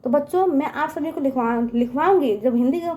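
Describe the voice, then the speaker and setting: A woman teaching young children in a coaxing voice, often addressing them and slowly stretching out each syllable as she sounds it. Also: high-pitched, dark tone. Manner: coaxing, repeats "ठीक है" and "बच्चों" often. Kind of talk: children's lesson.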